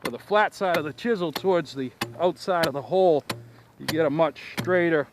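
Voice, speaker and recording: A man explaining a fishing technique in a casual, halting, hands-on way outdoors. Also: on the high side. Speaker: ice fishing guest demonstrating technique. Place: outdoors on a frozen pond. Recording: noisy outdoor location sound.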